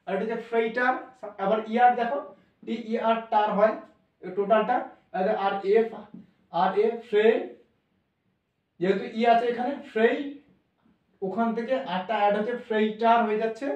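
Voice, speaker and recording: A man teaching a class, explaining English pronunciation in a slow, repetitive classroom style, spelling words out and correcting himself. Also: high-pitched, lo-fi sound. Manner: spells words out letter by letter, repeats and self-corrects. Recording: echoey room, voice from a distance.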